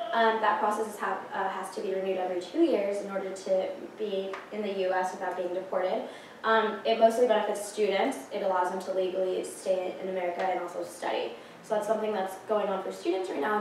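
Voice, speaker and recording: A late-teen student from Peru gives an earnest class presentation, full of ums and restarts, with a medium-pitched voice. She's recorded by a distant camera in a classroom with a projector screen. The sound is very echoey with slight background noise.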